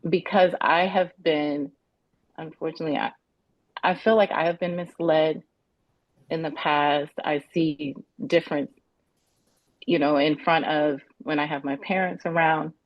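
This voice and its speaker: Woman on a muffled dry video call in court, halting, keeps restarting. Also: low voice, steady tone, no room sound. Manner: halting, searching for words, restarting. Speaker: parent testifying in a custody hearing. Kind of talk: court testimony.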